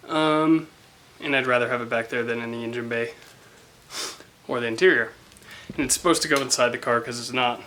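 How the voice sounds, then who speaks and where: A young man talking casually and excitedly to camera while working on his car, with a self-mocking tone. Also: mid-range voice, a little hiss or hum. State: out of breath. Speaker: car vlogger. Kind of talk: casual garage vlog.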